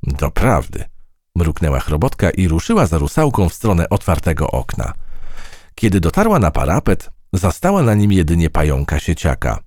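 Deep gravelly man reading a children's story. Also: a little fast, dry recording, clean studio sound. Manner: expressive, storytelling. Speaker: audiobook narrator. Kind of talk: children's audiobook narration.

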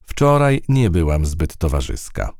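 A man's voice: extremely low pitch, big pitch swings, unhurried, vocal fry, a little mellow, dry recording, studio quality, full character voice. A man voicing a tough, one-eyed female field mouse in a storybook reading, brash and scolding. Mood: complaining.

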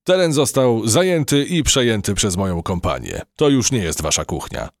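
A man's voice: on the low side, very animated, normal speed, dry recording, studio quality, pitched above the performer's own voice. A man voicing a stern male cockroach army captain who gives clipped orders in a storybook reading. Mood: commanding.

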